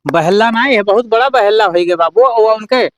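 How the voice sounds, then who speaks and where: A man's voice: sits high, moderate pace, fairly bright tone, no room sound. A man playing an exasperated, hard-working village father who grumbles in an Awadhi accent in an amateur comedy sketch. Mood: worried, complaining. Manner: complaining, grumbling.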